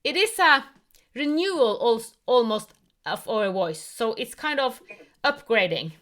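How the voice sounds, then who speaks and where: A woman hosting a casual online conversation who speaks earnest, halting English full of spiritual talk. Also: on the high side, lively intonation, fairly bright tone. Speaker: host. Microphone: online call.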